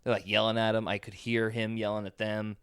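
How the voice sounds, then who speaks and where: Male comic, podcast co-host, rambling anecdotes, smooth clear voice, middle pitch, dry booth sound. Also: level tone, brisk, fairly bright tone, no room sound. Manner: rambling storyteller, laughs through his own anecdotes. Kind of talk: casual podcast chat.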